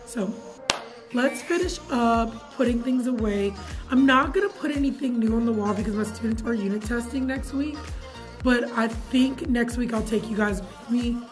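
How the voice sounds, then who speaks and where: A young woman, a teacher chatting casually to camera in her classroom, animated and full of fillers. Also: a little high. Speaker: middle school science teacher. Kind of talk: casual vlog chat. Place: classroom, indoors.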